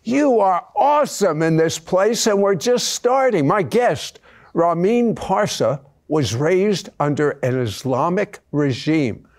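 An older man hosting a TV show in a studio, speaking slowly and emphatically. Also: sits high, expressive. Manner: slow, emphatic, earnest delivery. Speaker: TV host. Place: studio with live audience.

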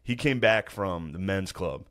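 A man's voice: low voice, lively intonation, unhurried, fairly bright tone. A man hosting a podcast, telling stories in a casual, profane way and laughing often. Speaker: podcast host.

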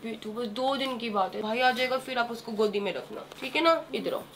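A woman's voice: fairly high pitch, a little fast, fairly bright tone, slight background noise. A young adult woman, a mother and vlogger, chatting casually and directly to her viewers in a family vlog.

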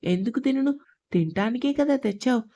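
A tearful, proud young woman, read out by a woman storyteller, pleading one moment and snapping back the next. The reader's voice sits slightly high and plain, barely changed for the character. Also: lively intonation, warm tone. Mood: sulky. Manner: tearful, pleading, quick to flare up.

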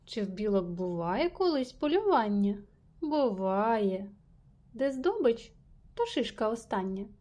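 A woman reads a rhyming children's story aloud at a slow, careful pace. Her voice sits slightly high, with a mellow, dark tone. She leans into the rhymes with playful emphasis. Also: very animated. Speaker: reader.

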